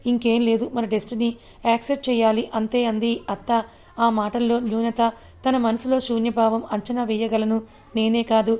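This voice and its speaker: A woman reads a first-person audio story aloud, voicing all the characters herself. Her voice sits fairly high and stays flat and even, with little rise or fall from line to line. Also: moderate pace. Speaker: storyteller reading a serialized story.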